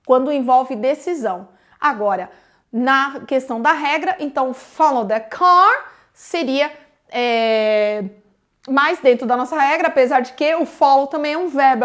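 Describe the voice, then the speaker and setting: A woman with a Brazilian Portuguese accent teaching English in a live online lesson, explaining step by step and often adding "né?". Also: high voice. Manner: explains step by step, tags sentences with "né?".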